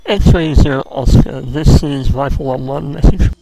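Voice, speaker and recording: A man's voice: mid-range voice, measured pace, gravelly, warm tone, a little hiss or hum, poor audio. A man playing a helicopter pilot in a military game, making brief, businesslike radio calls. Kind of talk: military radio procedure chatter.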